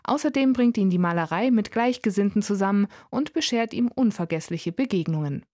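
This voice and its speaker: A woman reading a scripted radio book review in a calm, measured way. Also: mid-range voice, no echo, studio quality. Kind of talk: scripted narration.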